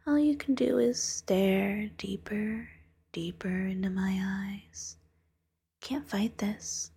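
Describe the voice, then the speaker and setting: A playful female demon who loves to hypnotize, voiced by a woman speaks in a breathy, whispery hush. Her slow, unhurried delivery has a gravelly fry and a mellow tone, soft-spoken and coaxing in an ASMR roleplay. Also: medium pitch, full character voice. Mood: hypnotic.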